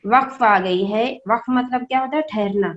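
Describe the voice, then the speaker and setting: Brief: woman teacher, fairly high voice, slow spelled-out drills, dull call audio. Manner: spells words out letter by letter, slow and drawn out; asks questions and answers them herself. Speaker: Quran recitation teacher. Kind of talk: online class teaching Quran reading. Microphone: online call microphone.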